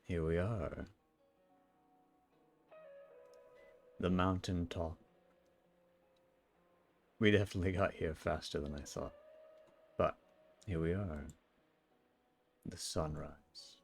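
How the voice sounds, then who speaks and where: A man playing a calm, wistful ancient sun champion, speaking slowly and solemnly in a live role-play. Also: sits low, gravelly, faint music behind, heavily acted. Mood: reflective. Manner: slow, reflective, solemn storytelling.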